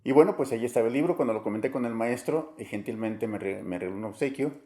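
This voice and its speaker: A man's voice: mid-range voice, fast, mellow. A man hosting a cultural program, introducing and questioning a guest formally and earnestly, with some hesitations. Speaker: interviewer, host.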